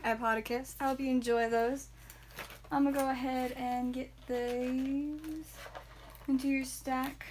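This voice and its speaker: A woman's voice: on the high side, slight background noise. A woman hosting a live card-opening stream, chatting and giggling with viewers, tired and a bit loopy. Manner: chatty, giggly, talks to chat viewers by name. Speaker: livestream card seller and host.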